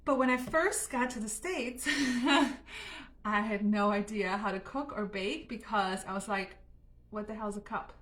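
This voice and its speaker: This casual live cooking chat comes from a woman from Germany baking in her home kitchen, who laughs often and speaks right to her audience. She talks at medium pitch and a measured pace, with a fairly bright tone.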